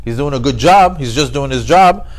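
A religious teacher with an expressive, mid-range voice gives a conversational Torah lesson at a moderate pace. He tells it like a story, acting out dialogue and using rhetorical questions and repeated phrases for emphasis.

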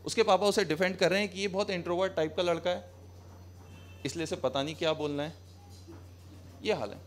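A man's voice: high-pitched, fairly even intonation, a little fast, slight background noise. A young man doing a live stand-up comedy set on a small cafe stage, talking to the audience in a sarcastic, conversational way through a handheld mic. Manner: conversational, sarcastic, switching between Hindi and English.

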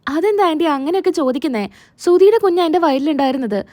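A woman's voice: sits high, expressive, quick pace, a little mellow, no echo. A woman voicing a young wife who pleads earnestly as she explains herself. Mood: pleading. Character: young wife defending her secret pregnancy.

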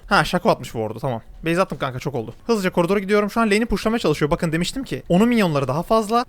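A young man casually commentating his own match as he plays, chatty and talking straight to his viewers. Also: fairly high pitch. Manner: rapid, chatty, addresses viewers directly. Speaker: gameplay commentator. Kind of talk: live gameplay commentary.

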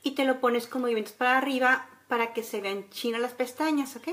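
A Mexican-accented woman in her forties chats her way through a casual makeup tutorial from a room at home beside a window. Her fairly high, fairly bright voice stays steady and brisk as she instructs viewers, often tossing in checking tags.

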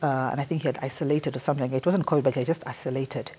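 A woman's voice: rumbling low, fairly even intonation, very fast, mellow, slightly rough. A middle-aged woman with a Zambian accent, recalling a trip in a chatty, anecdotal way and acting out what people said. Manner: chatty storyteller who acts out quoted dialogue. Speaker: interviewee paying tribute. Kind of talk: casual anecdotal recollection.

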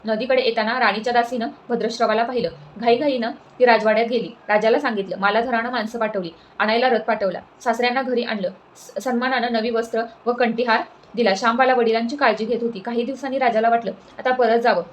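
A woman's voice: a little high, steady tone, fast talker, a little hiss or hum, rough recording. Woman reciting a devotional folk tale. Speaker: storyteller.

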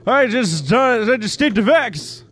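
A man voicing a blunt, boastful old male village elder, speaking slowly in a raised old-man voice while reading game dialogue. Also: extremely high pitch, very animated, a bit bright, slight background noise, voice pushed up, heavily acted.

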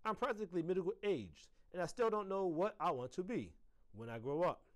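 A man's voice: high-pitched, animated, moderate pace, pitched above the performer's own voice. A man reading aloud, voicing a friendly adult male school custodian who doubts himself. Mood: unsure. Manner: friendly, wavering, unsure of himself.

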